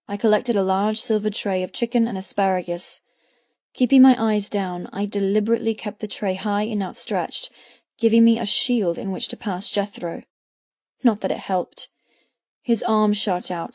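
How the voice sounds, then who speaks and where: A woman narrates first-person fiction for an audiobook in a medium-pitched, darkish voice, delivering it expressively and with intensity. The studio recording is close, very dry and slightly muffled, with no room sound around her.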